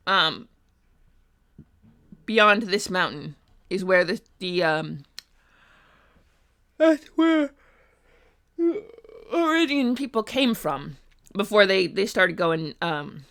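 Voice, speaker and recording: A woman's voice: on the low side, pushed and bright, clear, resonant tone. A tired woman streaming live, chatting casually and thinking aloud with lots of ums and uhs. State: tired, sleepy. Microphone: streaming mic.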